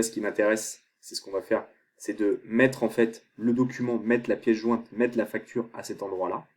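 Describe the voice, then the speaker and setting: A man explaining a software tutorial step by step, thinking aloud as he clicks through screens. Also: lowish voice. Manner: thinks aloud while clicking, many fillers. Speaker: online tutor.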